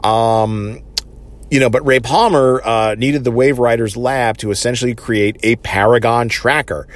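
A man's voice: mid-range voice, steady tone, a little slow. A man casually recapping a TV episode, rambling along with many fillers like "you know" and "uh". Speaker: TV episode reviewer.

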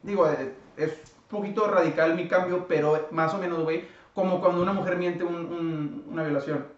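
A man's voice: on the high side, fairly even intonation, brisk. A young man with a Mexican accent, arguing insistently in a casual podcast debate and tossing in fillers between phrases. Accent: Mexican Spanish. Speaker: podcast co-host. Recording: echoey room, distant mic, dull sound.

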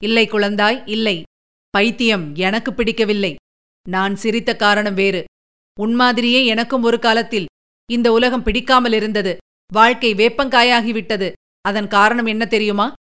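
A woman voicing a calm, patient emperor speaking gently to his daughter. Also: a little high, a little slow, smooth. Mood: reassuring. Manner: gentle, soothing, reasoning.

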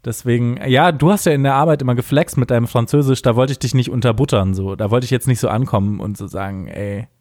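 A man's voice: mid-range voice, quick pace, few pauses, darkish tone, dry recording, studio quality. A young man with a slight Franconian German accent and a rolled r, chatting casually as a podcast co-host.

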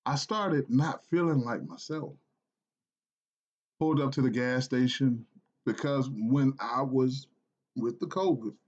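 Man, earnest personal storytelling, halting with restarts, mid pitch, slightly dull lo-fi audio. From South Carolina, United States.

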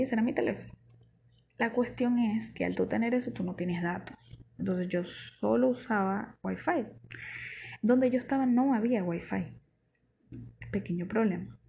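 A woman's voice: mid-range voice, vocal fry. Chatty young Venezuelan woman storyteller. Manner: chatty, animated, slangy, laughs often. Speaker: vlogger. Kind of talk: casual storytelling.

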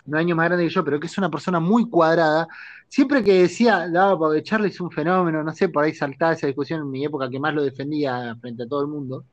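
A man's voice: fairly high pitch, fast talker, no room sound, highs cut off. A young man with a Rioplatense accent, chatting in an easygoing way as a podcast co-host. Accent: Rioplatense Spanish. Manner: easygoing, chatty, laughs often. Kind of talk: casual chat.

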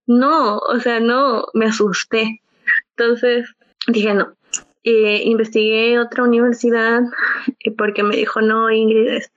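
A young woman recounts a personal story in a casual chat, her voice sitting a bit high. She tells it with animation, reliving moments with bursts of excitement. The recording is dry and somewhat dull, like a lo-fi mic. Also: no echo. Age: young adult.

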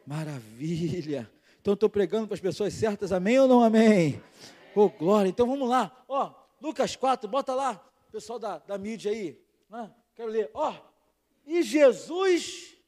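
A man, a pastor preaching a sermon in church, moving from told stories into shouted, fiery crescendos. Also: extremely high pitch. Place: church sanctuary. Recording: long hall reverb.

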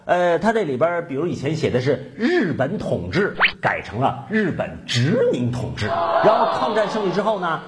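A man's voice: fairly high pitch, very animated, normal speed, hardly any pauses. A male talk show host delivers a satirical commentary monologue with mocking, chuckling asides. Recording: loud background noise.

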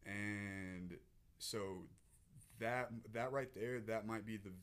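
A man's voice: on the low side, takes it slowly, a bit bright, clear, resonant tone. A man, telling a personal story as a podcast guest, earnest and emotional, often restarting his sentences.

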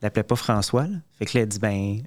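A man's voice: lowish voice, rapid-fire. A man co-hosting a podcast in a casual chat, with a Quebec French accent and a fondness for doing voices. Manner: chatty, fond of doing voices. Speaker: podcast co-host.

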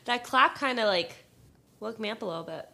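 Bright, chatty young woman co-host. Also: fairly high pitch, expressive, fairly quick, vocal fry. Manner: rambling, chatty storyteller who laughs easily. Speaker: podcast co-host. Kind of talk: casual podcast chat.

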